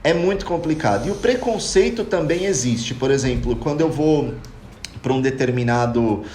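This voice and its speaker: A young Brazilian man abroad speaks at medium pitch with lively intonation, a moderate pace, and a darkish tone. In this casual podcast chat he's earnest and reflective, repeatedly addressing listeners as "cara," in an echoey room with faint noise.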